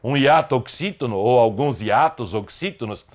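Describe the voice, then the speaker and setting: A man's voice: medium pitch, expressive, moderate pace. A middle-aged man with a Brazilian Portuguese accent teaching an online grammar lesson, explaining emphatically and stressing example words.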